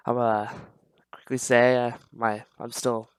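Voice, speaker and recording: A young man with a slightly nasal, stuffed-up voice reads a persuasive speech for a class. His tone is smooth and clean despite the congestion, and the dry recording has no room sound around it. He keeps an earnest, steady pace with small stumbles. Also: mid-range voice, a little slow, no echo, low-quality recording. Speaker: student giving a speech. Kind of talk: reading a prepared persuasive speech.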